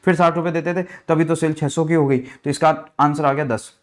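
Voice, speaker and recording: A man's voice: on the high side, fairly even intonation, a little fast. A male teacher giving an exam revision lecture, drilling formulas in a playful sing-song call-and-response with many rhetorical questions. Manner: playful, theatrical, repetitive.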